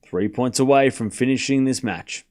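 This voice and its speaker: Talking directly to his chat, a man with an Australian accent teases viewers and brags while casually commentating live tennis. He speaks in a mid-range, slightly mellow voice at normal speed.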